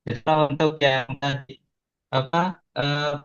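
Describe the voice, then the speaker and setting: A man joins an online class and answers a question, halting and filling gaps with hesitation sounds at a very slow pace. His voice comes through a dull, lo-fi call line that keeps breaking up as the connection drops. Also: fairly high pitch, steady tone, a bit bright, clear, resonant tone. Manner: hesitant, many filler sounds. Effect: audio breaking up over a bad connection.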